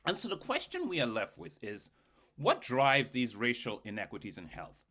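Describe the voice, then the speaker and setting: A man's voice: medium pitch, wildly swooping pitch, moderate pace, bright, forceful tone. A man giving a keynote lecture to an audience, explaining data emphatically and putting rhetorical questions to his listeners. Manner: addresses listeners directly, emphatic, poses and answers rhetorical questions. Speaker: keynote speaker, academic.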